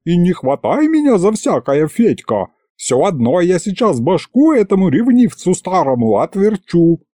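A man voicing a loud, tearful older village woman who wails in folksy speech. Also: wildly swooping pitch, a little slow, no room sound, clean studio sound, full character voice. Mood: wailing. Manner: shrill wailing, folksy speech.

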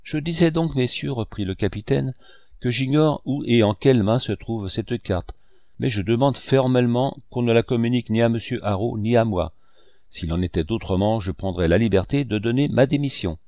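A man's voice: mid-range voice, moderate pace, mellow, dry recording, close to an everyday voice. A man reading an audiobook, voicing a blunt male ship captain who speaks formally and firmly. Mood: stern. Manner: formal, firm, clipped.

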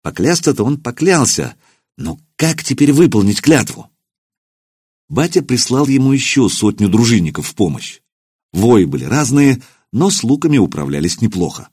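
A man narrating an audiobook in a steady, expressive storytelling manner. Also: medium pitch, normal speed, breathy edge, no echo, clean studio sound.

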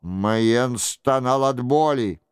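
A man narrating an audiobook in a measured, even reading. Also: medium pitch, clear, resonant tone, no echo, studio quality. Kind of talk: scripted narration.

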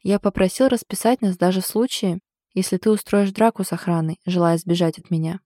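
A woman's voice: lowish voice, fairly even intonation, fairly quick, mellow, no room sound, close to an everyday voice. A woman reading the lines of a fond, ironic husband in an audiobook. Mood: wry fond. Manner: dry, ironic, affectionate. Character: teasing husband, a man, fond and wry.

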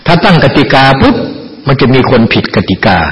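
A man's voice: medium pitch, big pitch swings, a little fast. A man giving a plain-spoken, teasing Buddhist dharma talk as a teacher, slipping into mock quotes of others. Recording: dull lo-fi sound with long reverb.

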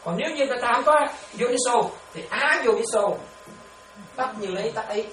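Woman, Buddhist nun giving a meditation talk, very animated pitch, distant echoey noisy room recording. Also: normal speed. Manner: lively, laughs often, keeps checking understanding with questions. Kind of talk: dharma talk to students.

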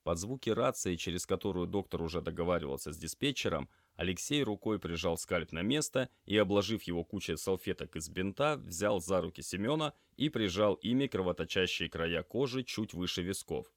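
A man narrating a story in an even, measured voice, with a deep, low tone. The recording is dry and close to the mic, with no room echo. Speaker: audiobook narrator. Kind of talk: scripted narration.

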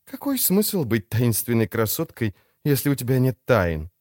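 A man voicing a cool, mysterious woman courier in an audiobook, wry and low-key. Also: sing-song, normal speed, darkish tone, no room sound, clean studio sound, close to an everyday voice. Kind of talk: audiobook character voice.

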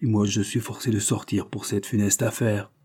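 A man voicing a worried older banker who answers quickly and reassuringly, a bit higher than his narration. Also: little pitch movement, mellow, husky.

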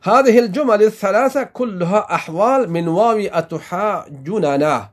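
A man from Afghanistan teaching a lesson on Quranic exegesis and Arabic grammar, explaining each phrase in a measured way with frequent restarts. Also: sits high, animated.

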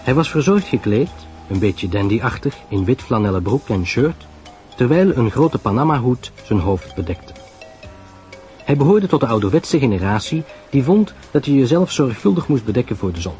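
A man narrating a radio drama in a lively storytelling manner. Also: medium pitch, moderate pace, soft background music.

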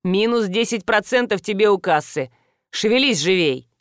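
A woman voicing a gruff male film director with a hoarse bass voice. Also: expressive, moderate pace, no echo, clean studio sound, natural voice. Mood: curt.

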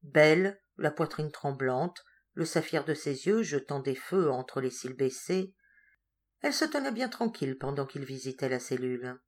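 A woman narrating a literary story in a measured, expressive reading voice. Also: sits low. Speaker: audiobook reader. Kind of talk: scripted narration.

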